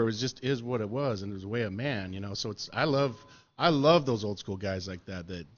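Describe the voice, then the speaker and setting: A man's voice: on the low side, dull audio. A middle-aged man telling stories in a casual podcast chat, laid-back and profane, with lots of fillers. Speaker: podcast interviewee.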